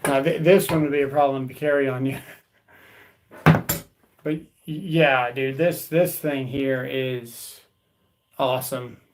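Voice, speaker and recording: A man's voice: mid-range voice, steady tone, a little slow, pauses often, heavy background noise. A man hosting a live tool video, chatting casually with viewers and often repeating his words as he goes. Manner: rambling, repeats words, talks to viewers as "guys" and "dude". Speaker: YouTube tool channel host. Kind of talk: casual livestream chat.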